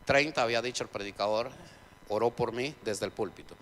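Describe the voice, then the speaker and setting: A man preaching a sermon testimony in a church, telling his story dramatically, swinging between loud preaching and quiet narration. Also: medium pitch, brisk. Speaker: pastor. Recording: church hall reverb, faint noise.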